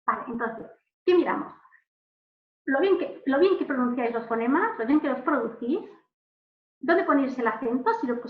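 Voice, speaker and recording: A woman from Spain, giving an informal online lesson as a language examiner, chatty, with many fillers and restarts. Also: on the high side. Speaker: language proficiency examiner and teacher. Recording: phone-like audio in an echoey room.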